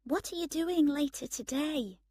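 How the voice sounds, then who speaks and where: A woman's voice: sits high, measured pace, dark tone, no echo, studio quality, pitched above the performer's own voice. A woman reading the lines of a wry, self-mocking, idealistic young woman in a storybook reading.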